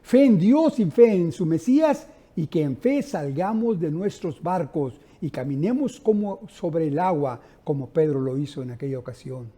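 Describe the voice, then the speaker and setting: A man preaching an evening church sermon, speaking with passion to the congregation as brethren, swelling and dropping in loudness as he tells stories. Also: fairly high pitch, expressive, moderate pace, hardly any pauses.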